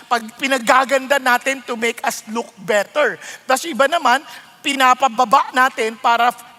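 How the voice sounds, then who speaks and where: Male pastor, middle-aged, high bright voice, lively laughing sermon delivery. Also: long reverb tail. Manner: lively, laughing, mixes English into his preaching.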